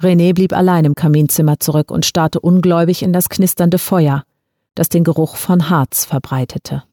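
A woman reading a short story aloud in a measured, even storytelling manner. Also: on the low side, dry recording, studio quality. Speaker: audiobook reader. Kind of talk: scripted story narration.

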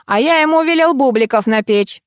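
A woman's voice: high-pitched, animated, a little fast, no room sound, clean studio sound, voice pushed up. A woman voicing a gloomy, grumbling old grandfather in an audiobook. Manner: grumbling, sorrowful.

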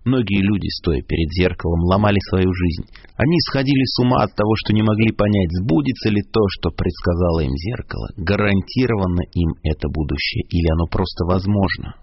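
A kindly old wizard headmaster speaks calmly with a touch of wry humor, as a low-voiced man reads him aloud. The voice is deep and gravelly. The sound is dull and lo-fi, like an old radio broadcast. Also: a little fast, slight background noise. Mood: gentle wise. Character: old wise gentle male wizard headmaster.

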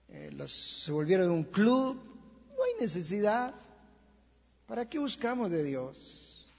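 Colombian pastor, male, gravelly high voice, fiery sermon; dull lo-fi church recording with long reverb. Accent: Colombian Spanish. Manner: impassioned, swings from quiet to shouting. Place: church hall.

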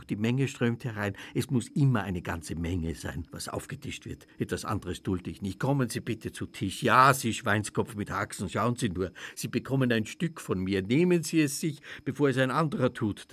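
A vain, mournful dead shopkeeper with a lilt. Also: male voice, fairly low pitch, slightly rough. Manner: brooding, drifts into hushed whispers. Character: dead older male shop owner, vain and mournful. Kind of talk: literary radio drama monologue.

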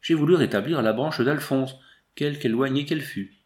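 A man's voice: medium pitch, normal speed, a little mellow, lightly acted. A man reading the lines of a proud, grieving medieval prince in an audiobook, in a declamatory, pleading manner. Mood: earnest.

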